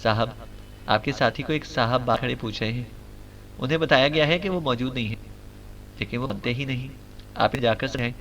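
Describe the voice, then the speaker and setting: A man's voice: mid-range voice, pauses often, fairly bright tone, a little hiss or hum, lightly acted, poor audio. A man voicing a polite male house servant who speaks respectfully. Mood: deferential. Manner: respectful, deferential.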